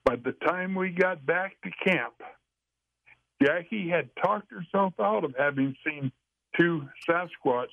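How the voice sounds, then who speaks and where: A man telling a long story as an interview guest, rambling and halting with frequent restarts. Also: a little high, vocal fry, no echo. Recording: dry, tinny phone line.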